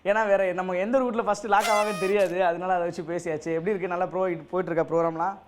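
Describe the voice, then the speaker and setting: A man with a high, bright voice rattles off a slick sales pitch at breakneck speed as he pranks someone over the phone. His sits over a faint hiss of noise. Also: steady tone, rapid-fire. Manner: smooth salesman patter, apologetic later. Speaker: prank caller, show co-host. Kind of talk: prank phone call, then casual chat.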